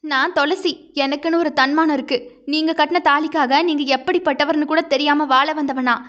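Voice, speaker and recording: A woman's voice: sits high, fairly even intonation, normal speed, fairly bright tone, muffled recording. A woman voicing a grieving young wife, impassioned and pleading through tears. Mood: proud.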